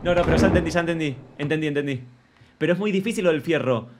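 A man with an Argentine accent streaming a video game, talking to his chat in an excitable, shouting way and speaking of himself in the feminine. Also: on the high side, fast talker, heavy background noise. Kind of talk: live gameplay commentary. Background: loud game music.

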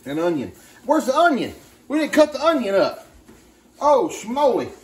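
An extremely high-pitched man whose voice swoops wildly speaks at a moderate pace as he hosts a casual cooking video at home, playful and full of pet names. A counter camera a few feet away records him in a roomy indoor kitchen with some background noise.

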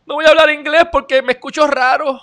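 Whiny mocking puerto rican guy done by a man, pitched way up, bright. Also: flat delivery, fast talker. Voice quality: whining, mocking. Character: whiny self-conscious man afraid of speaking English.

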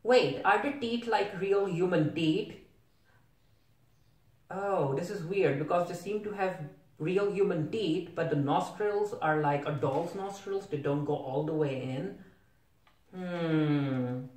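A young adult man reacts to a cartoon in casual, bemused commentary, questioning things and often repeating himself. His voice is on the high side, slow, and darkish in tone. A camera a few feet away records him in a small, echoey home room with a desk.

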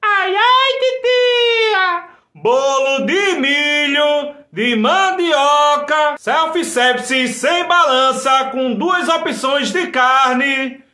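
A man from Brazil, doing comic impressions of street vendors in a market hawker's shouted, sing-song sales cries. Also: very high voice, animated, drawn-out words. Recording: roomy echo.

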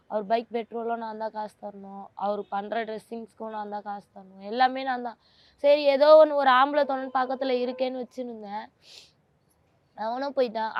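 A woman's voice: fairly high pitch, no echo, lo-fi sound. A woman, a mother of two, speaks in an emotional interview in a pleading, aggrieved and insistent way.

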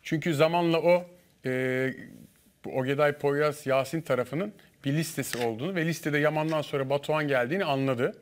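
A man guest on a studio panel, telling a lively story and acting out the dialogue. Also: on the high side, a little fast. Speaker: guest, former contestant.

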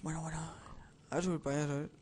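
A man with a Spain Spanish accent giving rambling, excitable let's-play commentary, swearing and singing nonsense syllables as he plays. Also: on the high side, fast talker, a little hiss or hum. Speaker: gamer.

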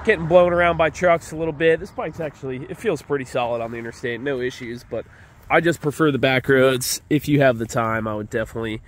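The recording is dry, and the man's voice sits fairly high as he talks casually to an arm's-length or helmet-mounted camera on an outdoor motorcycle trip by roadsides and a river. In his thirties and congested from allergies, he rambles easygoingly, full of "uh"s and words of praise.

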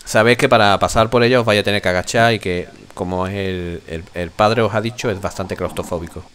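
A middle-aged man with a Castilian accent narrating a tabletop game as game master, descriptive and halting. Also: fairly low pitch, a bit bright. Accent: Castilian Spanish. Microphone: headset on video call. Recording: faint noise on video call.

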